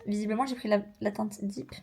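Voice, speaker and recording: A young woman chatting casually in a vlog, unboxing and reviewing makeup with slangy, animated asides. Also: medium pitch, brisk, slight background noise. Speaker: vlogger.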